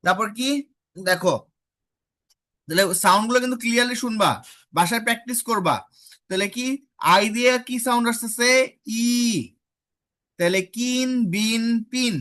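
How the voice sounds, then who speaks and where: A woman teaching an online phonetics class, asking students questions and repeating vowel sounds slowly to model them. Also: on the high side, fairly bright tone.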